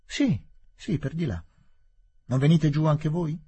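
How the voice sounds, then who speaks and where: A man's voice: a little high, a little slow, mellow, breathy edge, voice pushed up. A man voicing a playful young Indian doctor who calls out in a raised, teasing voice. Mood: jaunty.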